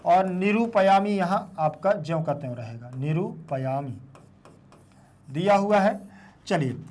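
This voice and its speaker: A man teaching a lesson in a raised, high voice. He works through each step patiently, repeats every question back as he answers it, and sounds out words one syllable at a time. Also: expressive, a little slow, a little mellow. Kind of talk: classroom explanation.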